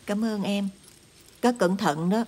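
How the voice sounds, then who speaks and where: A woman's voice: a little high, lively intonation, normal speed. An actress playing a worn-down, long-suffering widowed stepmother, speaking with a Southern Vietnamese accent, tired and exasperated. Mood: weary. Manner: weary, exasperated and tearful. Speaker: struggling stepmother and older sister. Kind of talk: TV drama acting. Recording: music score under dialogue.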